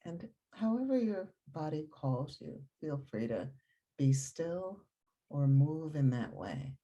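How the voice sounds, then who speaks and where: A woman with a deep voice leads a guided meditation, speaking softly and breathily. She keeps a calm, soothing, unhurried pace and pauses for long moments.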